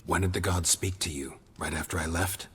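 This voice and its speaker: Over loud music, a male actor voices a stoic, weathered monster hunter in a video game cutscene, methodical and world-weary. His low, breathy voice moves briskly in a full character performance, sounding probing yet terse, deadpan and matter-of-fact.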